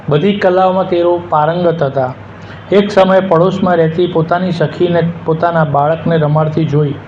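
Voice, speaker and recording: A man voicing Lord Krishna as a calm divine counselor, in a steady consoling recitation. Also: a little high, natural voice. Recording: dull lo-fi with faint hiss.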